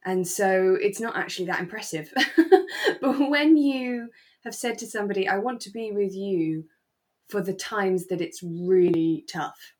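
Unhurried and with a darkish tone, this female co-host speaks in a mid-range voice. Her casual review of a radio drama is reflective, full of hedging and thinking aloud.

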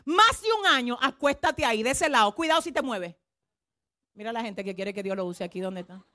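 A woman pastor preaches with a high, bright voice, leading the congregation in call-and-response. She drops to near-whispered asides, then rises to loud proclamations. The sound is dry and close, with little room echo. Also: animated, fairly quick. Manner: swings from hushed asides to loud shouted proclamations. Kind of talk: sermon.

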